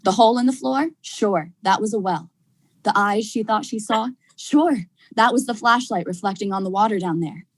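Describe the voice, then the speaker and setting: A young adult woman, a student actor, plays a tough, dismissive male crook in the style of vintage radio drama, using a folksy, slangy delivery with a wry narrating mood. Her mid-range voice, at normal speed, stays close to her everyday voice.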